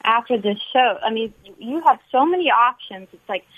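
A woman in her thirties chats as a podcast guest, teasing and curious. Her voice sits a little high. The sound is thin and narrow, as if it comes over a phone. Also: expressive, normal speed, slightly rough, no echo. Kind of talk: casual chat.

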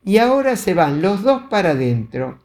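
A storyteller voicing a stern, disgusted mother giving sharp orders. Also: mid-range voice, very animated, moderate pace, pitched above the performer's own voice. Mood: angry. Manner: sharp, commanding.

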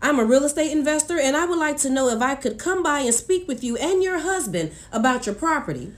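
A woman's voice: sits high, expressive, fairly quick. A woman reading the lines of a persistent, apologetic male property investor on the phone.

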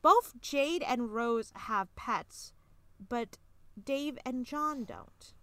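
Bright-voiced young woman, chatty and playful. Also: sits high, dry recording. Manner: chatty, giggly, gets loud and playful when rushed. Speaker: podcast co-host. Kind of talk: casual book-club chat.

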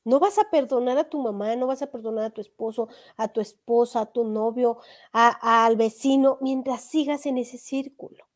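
A woman's voice: fairly high pitch, normal speed. A woman giving a motivational talk, speaking earnestly and asking listeners direct questions.

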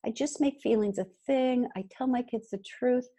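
A woman giving parenting advice in casual chat, animated and acting out what parents and kids might say. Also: fairly high pitch, normal speed. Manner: animated, acts out quoted dialogue. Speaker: parenting guest expert.

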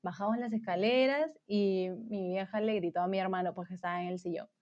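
A woman's voice: mid-range voice, steady tone, fairly quick, darkish tone. A woman telling a story in casual chat, full of slang and fillers. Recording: dull lo-fi sound.

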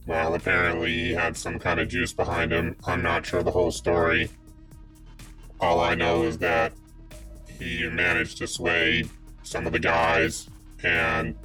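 A grim former mob runner, voiced by a man, talking in a very deep, utterly flat monotone. He keeps his lines short and deadpan, with faint music under the role-play. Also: a little slow. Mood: terse. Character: grim male ex-mobster rigger with robotic voice. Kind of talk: tabletop role-play in character.

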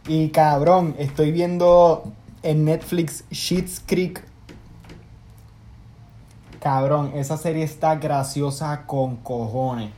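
A young man with a Puerto Rican accent hosting a casual podcast, relaxed and slangy as he recommends music and shows. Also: a little high, takes it slowly, pauses often, slight background noise. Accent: Puerto Rican Spanish. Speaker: podcast host. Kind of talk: casual chat. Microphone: remote call mic.

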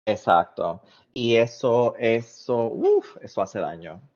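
A man's voice: fairly low pitch, measured pace, a little mellow. Puerto Rican man, laughing podcast co-host. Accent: Puerto Rican Spanish. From Puerto Rico. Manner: laughs often, mixes in English words. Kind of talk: casual chat. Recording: dull lo-fi recording.

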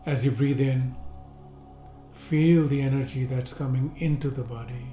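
A man leads a seated meditation in a slow, gentle, unhurried way, leaving long pauses between instructions. His voice is mellow and dark at a middle pitch. The room gives a roomy echo, with soft music faint underneath. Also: fairly even intonation. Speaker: meditation guide. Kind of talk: guided relaxation instruction.

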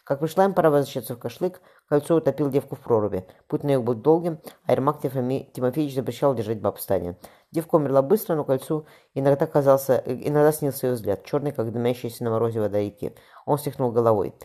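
Brisk, expressive male audiobook narrator. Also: medium pitch.

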